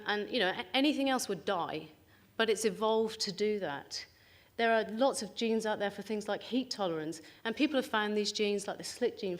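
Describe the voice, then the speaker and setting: A middle-aged woman presents at a conference in a medium-pitched voice. Her delivery is informal and conversational, with keen enthusiasm for her subject. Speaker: scientist giving a conference talk. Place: indoor conference venue.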